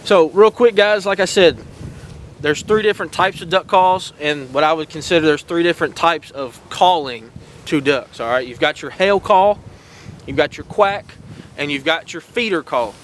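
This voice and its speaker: A man's voice: a little high, moderate pace, a little hiss or hum, low-quality recording. A man giving folksy, encouraging outdoor lessons, repeating "all right" and "guys" often. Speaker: host teaching duck calling. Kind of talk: casual outdoor instruction.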